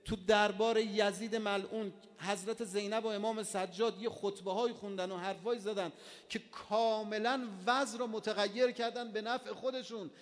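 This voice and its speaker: A man preaching with fervour in a raised, high voice, sinking to near murmurs and then surging back up. His words carry a long reverb from a large prayer hall. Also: steady tone. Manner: impassioned, swings between hushed and loud. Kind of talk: sermon.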